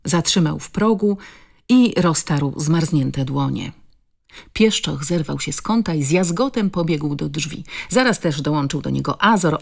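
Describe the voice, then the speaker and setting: A woman narrating an audiobook in a measured, steady storytelling manner. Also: low voice, gravelly. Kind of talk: scripted narration.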